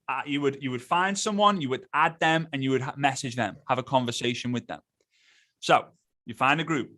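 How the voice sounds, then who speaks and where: A man giving a motivational coaching talk, animated, repeating himself and acting out quick examples. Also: a little high. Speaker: social media coach.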